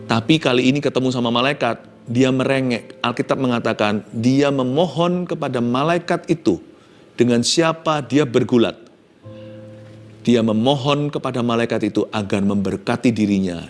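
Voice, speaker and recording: A male pastor preaching in Indonesian with English phrases mixed in, telling the story dramatically and swinging between loud and hushed. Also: mid-range voice. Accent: Indonesian, mixes in English phrases. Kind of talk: sermon.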